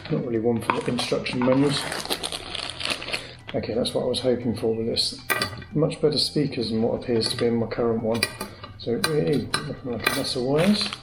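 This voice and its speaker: Brisk and creaky, this medium-pitched British man reviews motorcycle gear indoors at home, talking through a casual hands-on demo as he works. The room echoes, with faint clicks and noise in the recording.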